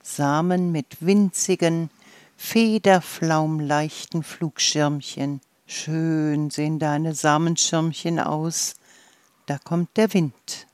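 A storyteller reading a calm guided fantasy journey and fairy tale in a soft, soothing manner. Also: medium pitch, slow, clean tone, no echo.

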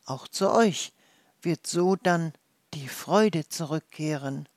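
A reader voicing a soft, kindly forest fairy, slow and gentle. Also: medium pitch, no room sound, studio quality. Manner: soft, murmuring and half-whispered.

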